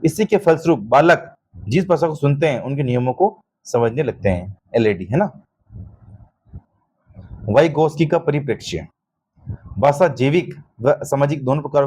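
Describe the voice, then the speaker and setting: A man's voice: medium pitch, lively intonation, normal speed, pauses often, darkish tone, husky. A man teaching an exam-prep lesson, constantly checking understanding with short questions and calling students "beta". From Rajasthan.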